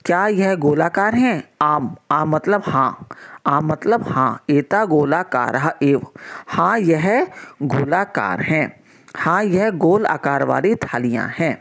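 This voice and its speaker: Slow, patient woman teaching a class. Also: low-pitched, expressive. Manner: slow, patient explaining, repeating each line. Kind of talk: Sanskrit lesson for children.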